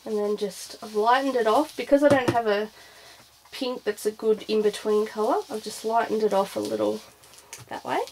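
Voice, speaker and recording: A woman's voice: a little high, fairly even intonation, moderate pace, a little mellow, poor audio. A woman presenting an informal craft demonstration, thinking aloud as she goes. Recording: clear background noise, clicks.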